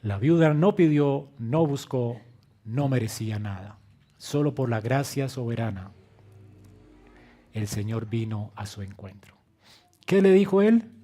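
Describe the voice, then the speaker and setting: A man preaching a sermon as pastor, swinging between quiet low phrases and loud emphatic bursts, and asking the congregation direct questions. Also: expressive, a little slow, pauses often. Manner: acts out quoted lines with direct questions to the congregation.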